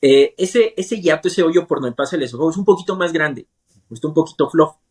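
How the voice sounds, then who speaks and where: A man's voice: fairly high pitch, brisk, darkish tone, husky. A man, a gastrointestinal surgeon, explains medical ideas in plain terms as an interview guest. He speaks in a patient, teacherly way and often checks that he is understood.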